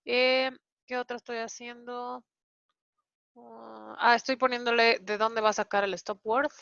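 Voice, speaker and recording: A woman's voice: a little high, little pitch movement, a little slow, vocal fry, fairly bright tone, smooth, dry recording, lo-fi sound. A woman teaching a programming lesson, explaining step by step with frequent hesitant fillers. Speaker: programming instructor. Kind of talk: online coding lesson walkthrough.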